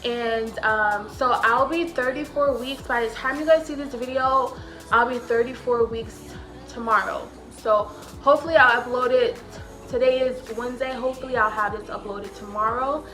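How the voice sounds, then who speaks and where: A young woman talks to her camera in a relaxed, rambling vlog style, her voice sitting a little high. She sounds slightly out of breath and keeps trailing off with casual filler. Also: moderate pace, echoey room, soft background music. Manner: chatty, loose, trailing off with "or whatever". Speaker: vlogger.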